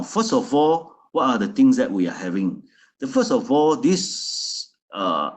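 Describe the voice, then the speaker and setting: A man presenting a product in a loose, repetitive way, often restarting his phrases. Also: on the low side.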